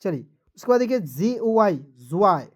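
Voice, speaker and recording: A man's voice: high-pitched, sing-song, moderate pace. A man teaching a spelling and pronunciation lesson. He spells each word letter by letter, says it aloud, and keeps asking his viewers how to read it. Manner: spells words letter by letter and drills them; keeps asking viewers questions, calls them friends.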